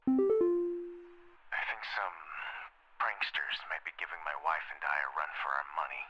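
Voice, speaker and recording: Deep, weary husband caller. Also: male voice, normal speed, bright, forceful tone, highs cut off, faint music behind, exaggerated voice. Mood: weary unease. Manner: sighing, put-upon. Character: weary, troubled husband calling a hotline. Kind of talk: scripted phone-call voice acting in a game.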